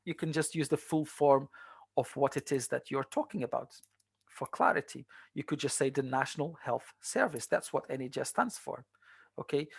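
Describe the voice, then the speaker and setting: A man's voice: fairly high pitch, gravelly, dry recording, clean studio sound. A man tutoring translation students in a seminar, talking in a conversational way with many fillers and restarts. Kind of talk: online seminar lecture.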